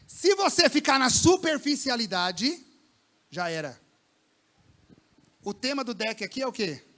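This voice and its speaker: A man preaching a lively sermon to young people in a church service, colloquial and slangy, swinging between loud bursts and hushed lines. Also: extremely high pitch, a little slow. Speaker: pastor. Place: church service with a live congregation.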